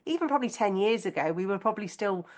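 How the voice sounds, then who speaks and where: Lively, emphatic woman co-host. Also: mid-range voice, fast talker. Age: middle-aged. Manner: lively storyteller, animated, emphatic. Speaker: podcast co-host. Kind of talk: casual chat.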